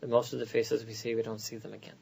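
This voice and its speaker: An American man, a scholar, giving a conversational religious lecture to a gathering with quick joking asides. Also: mid-range voice, completely flat delivery, creaky, darkish tone, husky, low-quality recording. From United States.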